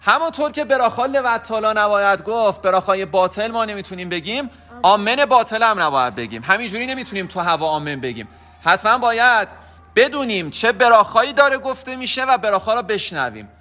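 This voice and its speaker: Man, religious teacher, high bright voice, patient explainer. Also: very animated. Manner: explanatory, patient, repeats key points. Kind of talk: religious lesson.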